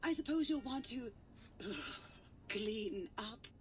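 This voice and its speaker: A woman's voice: on the high side, animated, slow. A woman voicing a weary, slightly fussy character who runs a water purifier, sighing as she talks. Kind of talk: video game voice acting. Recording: distant game audio with faint noise.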